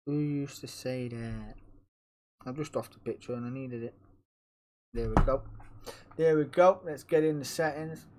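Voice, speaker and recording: A man with a croaky, sore-throated voice, chatting casually as host of a racing league stream and talking to himself while he sets things up. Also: mid-range voice, a little slow, long pauses, a little mellow. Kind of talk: casual live-stream race commentary.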